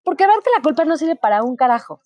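High-voiced woman, candid and animated. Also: quick pace, no echo. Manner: candid, animated storytelling with quoted asides. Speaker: podcast co-host. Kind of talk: casual conversation.

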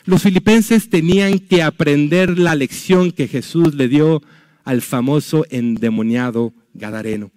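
A man preaching a sermon, telling stories dramatically and dropping to a hush for emphasis. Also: fairly high pitch, a little slow, dry recording. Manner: dramatic storytelling with sudden drops to a hush. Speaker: pastor.

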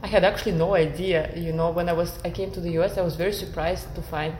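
A woman's voice: on the low side, fairly even intonation, fast, darkish tone, reverberant, low-quality recording. A woman from Kazakhstan, a guest academic in an interview, talking thoughtfully with many fillers and restarts. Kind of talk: conversational interview.

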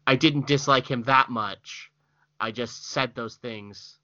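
Man co-host, bright edgy tone, dry skeptical reactions, dull lo-fi recording. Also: medium pitch, slow, no echo. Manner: skeptical, dry questioning remarks. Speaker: podcast co-host. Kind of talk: casual true-crime chat.

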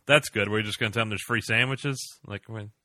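A man hosting a casual podcast, recapping a TV episode in animated, joking asides. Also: fairly low pitch, no echo. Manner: animated, joking, retells scenes in quick asides.

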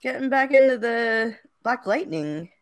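A woman co-hosting a podcast, chatting casually and teasing her partner with frequent laughs. Her pitch swings lively, and the sound is dry and close. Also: measured pace, dry recording. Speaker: podcast co-host. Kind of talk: casual chat.

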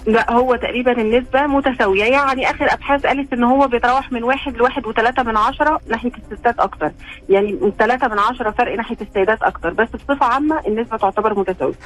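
A woman's voice: a little high, racing, soft background music, rough recording. A female doctor with an Egyptian Arabic accent, giving explanations as a radio guest and checking that her listener follows along. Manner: explanatory, checks understanding with "okay?".

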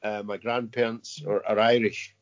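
A man in his fifties speaks in a fairly low voice, pausing often and repeating words as he answers questions. The audio is muffled and lo-fi, as on a remote interview recording. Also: level tone. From Scotland. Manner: halting, repeats words, many "uh" fillers. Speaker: guest, army veteran. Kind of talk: casual interview.

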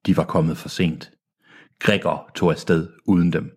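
A man's voice: sits low, steady tone, darkish tone, slightly rough. A man reading a book aloud on a podcast, who breaks off to joke and swear. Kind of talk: casual reading with comic asides.

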